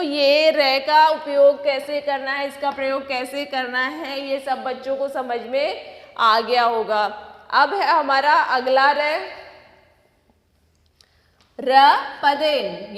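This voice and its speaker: Woman teacher, high voice, super slow and patient, repeats words for little kids, long echo in the room. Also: steady tone, fairly bright tone. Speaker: primary school teacher. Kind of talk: online Hindi lesson for young children. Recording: echoey room with long reverb.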